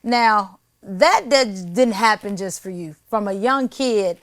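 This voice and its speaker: A woman's voice: medium pitch, lively intonation, slow pace, a bit bright, dry recording. A woman hosting a talk show, chatting casually and affirming her guest with frequent encouraging interjections.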